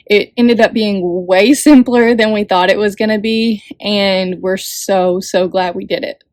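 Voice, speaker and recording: Chatty young mom vlogging from an RV. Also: female voice, mid-range voice, steady tone, a little slow, darkish tone, no echo, studio quality. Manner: chatty, rambling with fillers and little laughs. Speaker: family vlogger host. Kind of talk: casual vlog chat. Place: RV living room.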